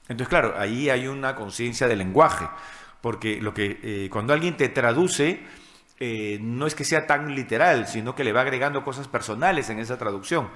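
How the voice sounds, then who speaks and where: Peruvian guy in his 50s, writer, talking slow and thoughtful to students at a panel. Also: medium pitch, a bit bright. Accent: Peruvian Spanish. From Peru. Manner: reflective, explanatory. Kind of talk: panel talk.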